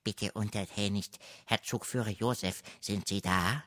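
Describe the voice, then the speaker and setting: A man voicing a sly male soldier who hisses in a mock-humble, hushed way. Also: lowish voice, fairly even intonation, a little slow, no room sound, studio quality.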